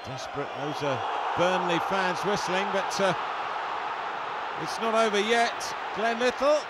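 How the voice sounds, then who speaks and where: A man commentates live on football in a very high, excitable voice. He calls the play as it happens from an outdoor stadium, with heavy noise and a loud crowd all around him. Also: unhurried. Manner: excitable, rising to shouts at key moments.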